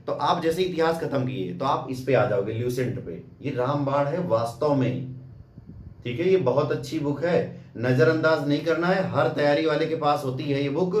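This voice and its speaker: A man's voice: fairly high pitch, echoey room. A man giving a casual coaching talk on exam preparation, talking directly to the viewer and often checking in with "okay". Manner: direct, repeats "ठीक" as a check-in, addresses viewer as brother. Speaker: exam prep teacher.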